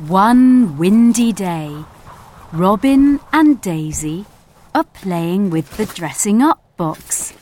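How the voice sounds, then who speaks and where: A woman reading a children's story aloud at a very slow, gentle pace. Her voice sits at a middle pitch, clear and unhurried, with faint noise behind it. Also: animated.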